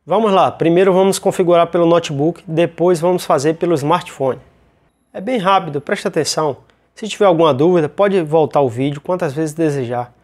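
A man's voice: on the high side, brisk, darkish tone. A man reading a scripted voice-over that introduces a tech tutorial and invites viewers to comment.

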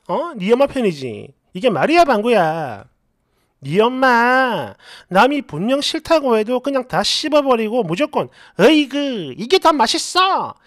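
A woman narrating a submitted family story and reading comments aloud in a chatty, animated, sometimes mocking way. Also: on the high side, dry recording, clean studio sound.

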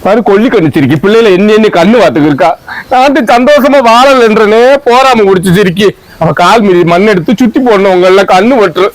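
A man's voice: high-pitched, a little fast, close to an everyday voice, poor audio. A man voicing a weeping, worn-down village wife and mother of many, lamenting for a comedy sketch. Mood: grumbling. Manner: wailing, lamenting sing-song complaints.

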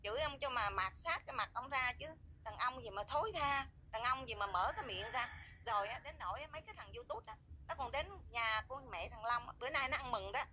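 A woman's voice: a little high, expressive, a little fast, pushed and bright, slight background noise. A woman, an outraged viewer scolding and repeating herself as she rants. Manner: indignant, scolding, repetitive. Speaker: viewer voicing complaints. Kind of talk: angry spoken rant.

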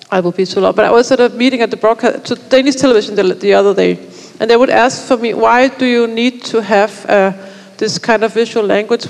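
High, gravelly woman on a reflective panel. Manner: reflective, searching for words. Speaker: artist and film school teacher. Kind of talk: panel discussion. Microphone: headset mic. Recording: reverberant room.

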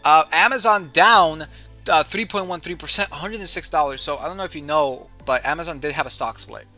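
A man's voice: a little high, fairly quick, soft background music. A man hosting an investing show, chatting casually while running through stock prices with a guest. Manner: lively, reads stock figures, says "dude". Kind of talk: casual market rundown chat.

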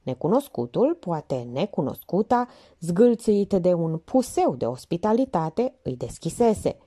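A woman narrating an audiobook with an expressive, lively reading. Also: on the low side, no room sound, studio quality. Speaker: audiobook reader.

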